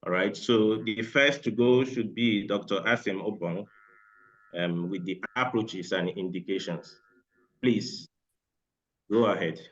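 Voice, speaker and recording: A man's voice: lowish voice, unhurried. A man with a Nigerian accent moderating a medical webinar, hesitant with frequent fillers. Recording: dull lo-fi webinar audio.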